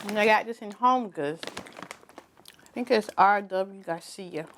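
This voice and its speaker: A woman's voice: medium pitch, slow, a little hiss or hum. Chatty woman reviewing snacks. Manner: chatty, tasting food while talking, trailing restarts. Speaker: vlogger. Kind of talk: casual snack review vlog.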